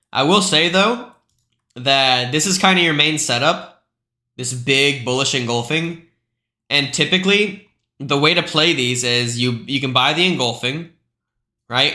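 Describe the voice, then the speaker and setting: Bright-sounding guy rambling through charts on a live stream, echoey room, laid back and chatty. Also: mid-range voice. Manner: loose and chatty, full of fillers and asides. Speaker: crypto live stream host.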